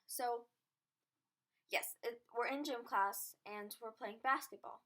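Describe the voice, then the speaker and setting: A woman's voice: on the high side, slow pace, a bit bright, low-quality recording. A teenage girl telling a story in a casual vlog, chatty and self-mocking. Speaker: vlogger.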